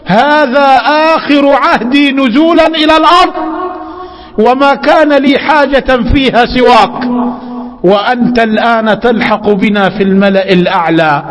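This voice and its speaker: Man, preacher, very high voice, impassioned chanted laments, long hall reverb. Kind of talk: emotional storytelling sermon.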